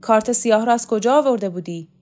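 A woman's voice: medium pitch, darkish tone, faint music behind, lightly acted. A woman voicing a cold, domineering female commander who barks harsh, clipped orders, read in a storybook. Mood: commanding.

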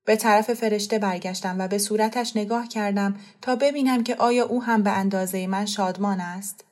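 A woman narrating a novel in a calm, measured storytelling voice. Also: mid-range voice. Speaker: audiobook narrator. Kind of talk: scripted literary narration.

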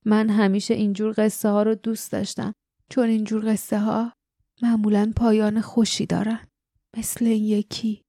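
A woman voicing a gentle dying father in an audiobook, speaking softly and weakly. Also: mid-range voice, monotone, no echo, clean studio sound, natural voice. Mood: content. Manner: soft, weak, murmuring.

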